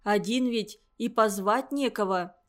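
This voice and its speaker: Woman reading as a gentle caring mother. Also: medium pitch, unhurried, natural voice. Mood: worried. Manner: soft, soothing.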